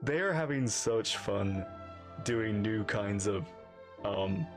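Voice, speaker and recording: A woman doing casual, expressive reaction commentary as she plays a video game and reads its dialogue. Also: rumbling low, slow. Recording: faint game music behind.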